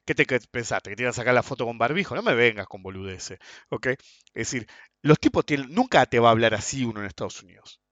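A man with an Argentine Spanish accent rants in a casual, blunt and crude monologue, often ending sentences with "ok?" and "viste?". His medium-pitched voice is animated, fast and a bit bright, with no echo, though the recording sounds dull, lo-fi and dry.

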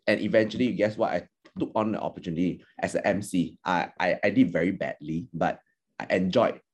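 On a video call, a man whose first language is Chinese answers as part of a panel, speaking as an alumni panellist and trainer. His low-pitched, brisk voice has a breathy edge, and his advice is earnest and encouraging, though riddled with fillers and restarts.

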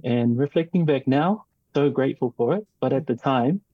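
A man born in New Zealand and raised partly in Tonga, a guest in an interview, speaking in a measured, reflective way with frequent ums and restarts. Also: medium pitch, no room sound, lo-fi sound. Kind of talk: casual interview talk.

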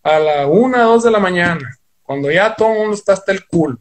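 High-voiced Sonoran guy, slangy rambling. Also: lively intonation, fairly quick. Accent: northern Mexican (Sonora). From Sonora, Mexico. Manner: heavy slang and swearing, rambling storytelling. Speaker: podcast guest, guitarist. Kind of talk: casual podcast chat.

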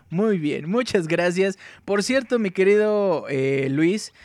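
A man hosting a music show in a casual, jokey way, using slang and laughing often. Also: high-pitched. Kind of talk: casual radio show chat.

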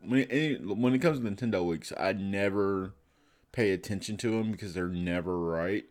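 Male host, lowish voice, informal gaming talk, leans heavily on "like" as a filler. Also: normal speed, a little mellow. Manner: says "like" and "I'm like" very often. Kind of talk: casual chat about gaming news.

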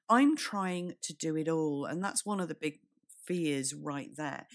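A British woman with a croaky, breaking voice, hosting a solo business podcast in a candid, conversational way and speaking straight to the listener. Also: low voice. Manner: candid, addresses listener directly. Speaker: podcast host.

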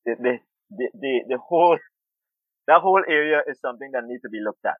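Fairly quick and mid-range, the voice belongs to a middle-aged Guyanese urban farmer and food activist discussing farming as an interview guest. He's thoughtful and tends to repeat words while searching for them. The recording is dry but tinny, as if over a phone.

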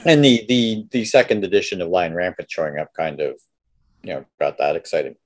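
A man's voice: sits low, brisk. A middle-aged or older man with a Canadian accent, chatting casually as a podcast co-host in a folksy, joking way. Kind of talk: casual chat between friends.

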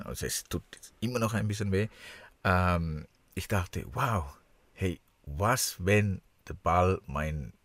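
A man with a foreign accent in German, chatting haltingly on a podcast in a congested, nasal voice, as if with a broken nose. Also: low voice, a bit bright, no echo. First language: not German. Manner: halting, searching for words. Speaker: podcast co-host. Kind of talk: casual podcast chat. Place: small camper van used as studio.

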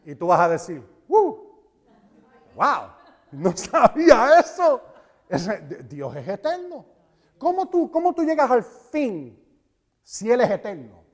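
Man, preacher, sermon, high voice, emphatic, repeats phrases, long hall reverb. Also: huge pitch swings, measured pace, darkish tone.

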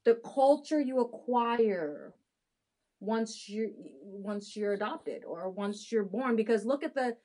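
Slow and mellow, her slightly high voice carries through a casual interview where she appears as a guest. She is a Haitian-born adoption consultant in her thirties who speaks frankly and keeps restarting her thoughts.

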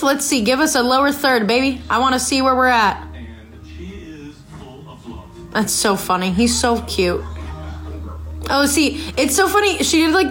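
A young woman hosting a podcast, chatting casually and reacting live as she watches a show. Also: a little high. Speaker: podcast host. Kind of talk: casual recap chat.

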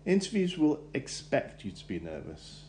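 A man reading a measured, instructive careers advice segment for a podcast. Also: mid-range voice, wildly swooping pitch, a little mellow, a little hiss or hum. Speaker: careers adviser.

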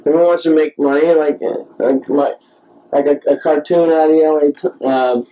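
A man's voice: fairly high pitch, steady tone, normal speed. Dull dictaphone recording of a rambling man. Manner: digressive, repetitive, self-mocking. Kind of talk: rambling late-night monologue into a tape recorder. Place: speaking alone into a tape recorder. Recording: dull home tape recorder.

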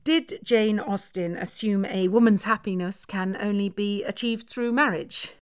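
A woman's voice: mid-range voice, fairly even intonation, measured pace, clean tone, close to an everyday voice. Woman reader voicing a nervous young man, earnest tutor, a bit anxious.

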